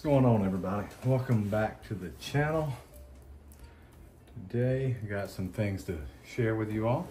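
A man with a Southern accent, hosting a casual unboxing chat in an unhurried, halting way with many ums and restarts. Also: lowish voice, mellow, faint music behind. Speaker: cigar channel host.

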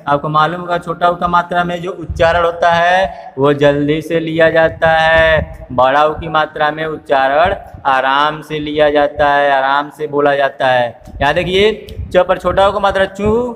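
A higher-pitched man teaches young children to read, spelling each word out slowly, one syllable at a time, and repeatedly asking what it makes. His voice carries a long reverb, with a faint room hum behind it. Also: steady tone, a bit bright. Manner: slow, drawn-out spelling aloud, syllable by syllable, with repeated questions. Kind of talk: phonics lesson for small children.

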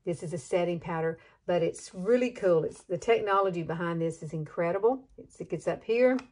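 Lowish and a little mellow, her voice moves fairly quickly. She is a beauty vlogger in her late fifties from Alabama, gushing and folksy in a Southern accent as she chats casually through a hair tutorial, drawling and laughing.

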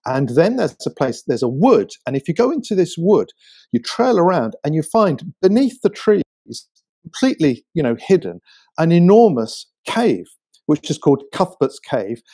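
An English man, a guest author, describing places in a lively, animated storytelling manner during a casual conversation. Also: fairly high pitch, moderate pace, breathy edge. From England.

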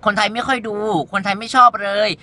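A man's voice: high-pitched, fairly even intonation, brisk, sharp tone. A young man talking straight to the camera, answering online comments in a sassy, campy and blunt way. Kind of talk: candid monologue to camera.

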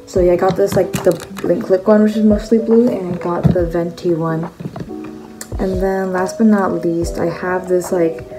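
Teen girl showing off her haul, kinda low voice, music playing under it, filmed on a phone in her room. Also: steady tone, moderate pace, low-quality recording. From China. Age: teens. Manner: chatty, many likes and fillers. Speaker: vlogger. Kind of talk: casual merch haul chat. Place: bedroom at a table indoors. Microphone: phone camera at close range. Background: background music.

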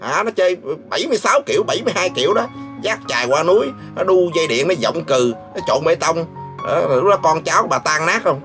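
A man's voice: fairly high pitch, expressive, fast talker, over music. A man hosting his vlog, ranting sarcastically and scolding, breaking into laughs mid-sentence. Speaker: vlogger host. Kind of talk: mocking commentary rant.

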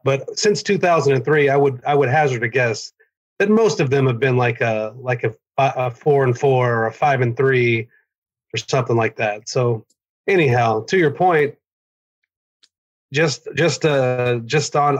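A man's voice: mid-range voice, muffled recording. A man talking in a casual sports podcast as a reporter, rambling with fillers and hedges.

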